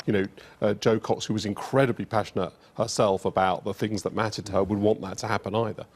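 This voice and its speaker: Male pundit, deep voice, slow reasoned answers. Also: fairly even intonation, darkish tone. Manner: deliberate, reasoned, many "uh" pauses. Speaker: studio guest. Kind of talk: political commentary.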